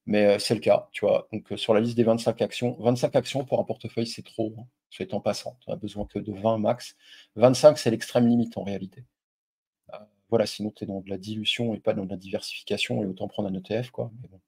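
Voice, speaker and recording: A man's voice: lowish voice, darkish tone, slightly rough. A middle-aged man hosting a casual investing talk, chatting informally with lots of fillers and addressing the viewer directly. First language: French. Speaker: investing video host. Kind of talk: casual explainer with a familiar tone.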